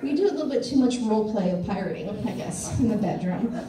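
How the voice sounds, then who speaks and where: A woman's voice: mid-range voice, expressive, fast. A woman performing a stand-up comedy set, chatty and self-deprecating, often asking the crowd questions. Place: comedy club stage. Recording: echoey club from far off with crowd. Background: audience laughter.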